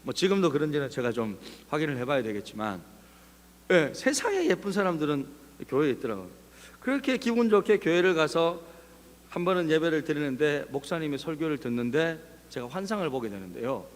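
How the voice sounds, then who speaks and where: A male pastor preaching a sermon, telling a story with animated delivery and acting out scenes. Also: on the high side, a little fast. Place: church sanctuary. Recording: long reverb of a church hall.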